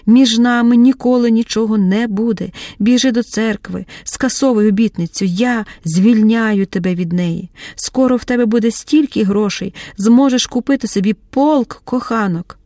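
A woman reading an audiobook, voicing a tense young woman who breaks into hysterical shouting. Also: fairly high pitch, moderate pace, few pauses, no room sound, studio quality, close to an everyday voice. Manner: shouting, pleading outbursts.

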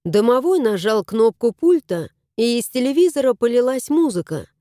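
A woman narrating a storybook in an unhurried, expressive reading. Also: on the high side, dry recording, studio quality.

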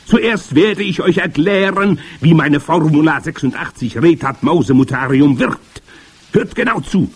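A man voicing a commanding, evil old witch queen in a storybook reading, with shrill, gloating, theatrical speech. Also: animated, a little slow, breathy edge. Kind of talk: audiobook character voice.

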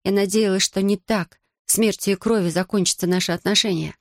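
A woman narrating a first-person audiobook in a steady, measured reading voice. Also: medium pitch, no echo, studio quality.

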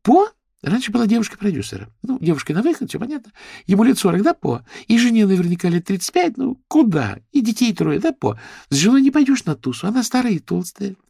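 A man doing a squeaky catty young woman. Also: big pitch swings, gravelly, warm tone, breathy edge, dry recording, clean studio sound, full character voice. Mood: gossiping. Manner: mocking, gleeful, fast-talking. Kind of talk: audiobook character voice.

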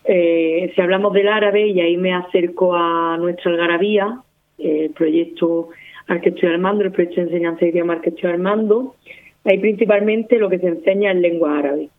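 A woman's voice: lowish voice, steady tone, brisk. Andalusian lady making her case on a podcast, keeps giving examples, sounds like a phone line. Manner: argumentative, explains with repeated examples. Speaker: guest running a language-teaching project. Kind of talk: casual radio talk.

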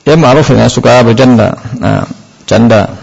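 A man with a gravelly, medium-pitched, slightly mellow voice answers questions in an Islamic religious Q&A lecture. He speaks unhurriedly and often uses "nah" as a filler. The recording is dull and lo-fi.

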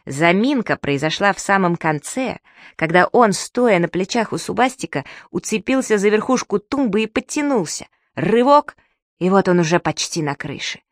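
A woman narrating a children's audiobook in an even storytelling voice. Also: medium pitch, moderate pace, no echo, clean studio sound. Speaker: audiobook reader.

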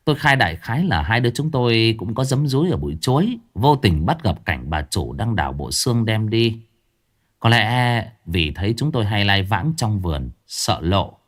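A man's voice: on the low side, very animated, normal speed. A man narrating a ghost story aloud in a dramatic storytelling manner.

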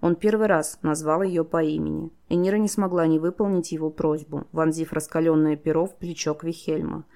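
A woman narrates an audiobook in a steady storytelling manner. Her voice is low with a gravelly fry, and she reads the characters' lines herself. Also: brisk, hardly any pauses. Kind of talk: scripted narration.

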